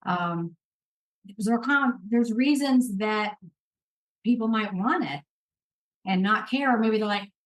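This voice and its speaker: A woman's voice: mid-range voice, slow, long pauses, low-quality recording. A woman hosting a podcast, chatting casually and reassuringly about reselling, thinking aloud with fillers. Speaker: podcast host.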